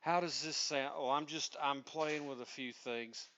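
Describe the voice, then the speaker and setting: A man with a Southern drawl chats slowly on a livestream and keeps breaking off mid-thought. His tone is bright and forceful. The audio sounds dull and lo-fi. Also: fairly high pitch, fairly even intonation, a little hiss or hum. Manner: rambling, self-interrupting, laughs at own ideas. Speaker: livestream host. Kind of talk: casual livestream chat.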